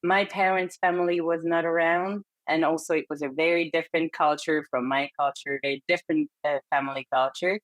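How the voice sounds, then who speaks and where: Low-voiced Hungarian-accented woman. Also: steady tone, a little fast, few pauses, no room sound. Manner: earnest, candid, laughs between phrases. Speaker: guest, perinatal therapist. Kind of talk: conversational interview.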